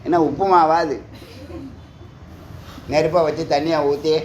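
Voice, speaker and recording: Scolding spiritual teacher, echoey room. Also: male voice, a little high, fairly even intonation, a little slow, darkish tone. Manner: scolding rhetorical questions, teasing. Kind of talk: Tamil discourse on scripture. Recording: echoey room, faint background noise.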